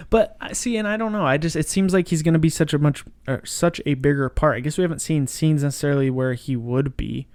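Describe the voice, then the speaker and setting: A man co-hosting a casual fan discussion podcast, enthusiastic and quick to laugh, often trailing off mid-thought. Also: a little high, darkish tone, no room sound, clean studio sound. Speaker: podcast co-host.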